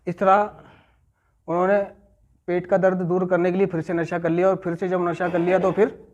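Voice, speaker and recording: A man's voice: high-pitched, flat delivery, moderate pace, a little mellow. A man leading an addiction recovery class, telling a story as a lecture, repeating key phrases and checking in with his listeners. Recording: muffled lo-fi recording.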